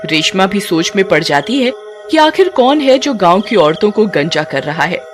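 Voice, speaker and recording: A woman's voice: medium pitch, sing-song, normal speed, soft background music. A woman narrating a scripted horror story with dramatic delivery, voicing the characters herself. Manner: dramatic, voices several characters.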